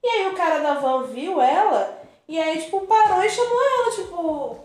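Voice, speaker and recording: A woman's voice: very high voice, animated, moderate pace, darkish tone. A young woman co-hosting a podcast, who tells a story in a rambling way and fills it with lots of fillers. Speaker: podcast co-host. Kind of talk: casual chat. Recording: very echoey room, faint music.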